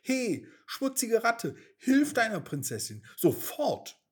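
A man's voice: sits high, sing-song, takes it slowly, darkish tone, husky, voice pushed up, exaggerated voice. A man voicing a spoiled, haughty young mouse princess who talks snippily and bosses others around.

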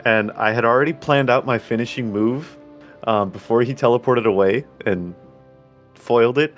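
A man's voice: medium pitch, moderate pace, faint music behind. A man chatting casually as a tabletop game player, meandering with many fillers.

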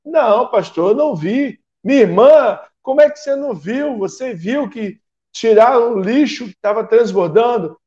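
Man playing fed-up church woman, shrill, complaining, mellow tone. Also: lively intonation, normal speed, lo-fi sound. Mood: exasperated.

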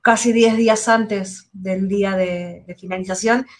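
A middle-aged woman with a Rioplatense Spanish accent, speaking as a mother and guest on a video call, candid and halting, often restarting her sentences. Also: mid-range voice, fairly even intonation. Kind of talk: casual interview chat.

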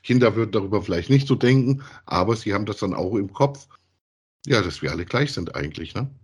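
A man co-hosts a podcast reviewing audio dramas, his lowish, slightly rough voice expressive and quick. He gives his opinions emphatically and colloquially in casual discussion, often looking for agreement.

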